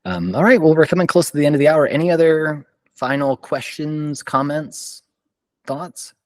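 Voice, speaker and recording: A man's voice: on the high side, moderate pace. A man moderating an online journal club over a video call, chatty and upbeat, with many fillers and restarts. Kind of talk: casual online meeting chat.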